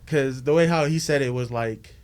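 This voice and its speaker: A man from the Bay Area in California, a guest on a casual podcast, talking about his fashion brand in a soft, unhurried way that trails off. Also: mid-range voice, clean tone.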